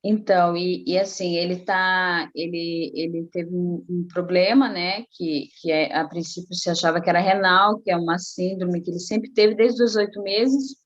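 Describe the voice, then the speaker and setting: A middle-aged woman, telling a personal faith testimony in a casual, animated way. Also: lowish voice, moderate pace, hardly any pauses, lo-fi sound. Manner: animated storytelling, acting out quoted voices. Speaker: guest giving a testimony.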